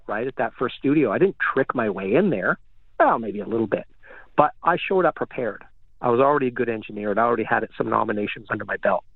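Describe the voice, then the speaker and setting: A man's voice: mid-range voice, vocal fry, no room sound. A man, a recording engineer guest, telling rambling stories full of fillers over a phone line. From Canada. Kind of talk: casual storytelling. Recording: tinny phone line, dry.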